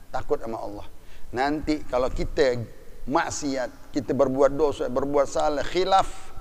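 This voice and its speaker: A man preaching a sermon, animated, asking the congregation rhetorical questions. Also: medium pitch. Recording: long hall reverb.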